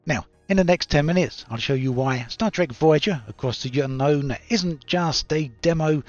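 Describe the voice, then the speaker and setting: A man delivers a scripted video game review in a measured, explanatory way with occasional fillers. His darkish voice was captured on a cheap stand-in mic, giving dull, low-quality lo-fi audio with no room sound.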